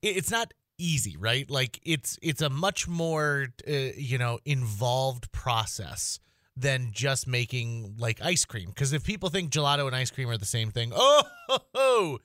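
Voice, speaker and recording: A man co-hosts a radio talk show in a casual, rambling way, full of likes and ums. His voice is mid-pitched and recorded dry and close. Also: expressive, unhurried, a bit bright, dry recording. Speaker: radio co-host.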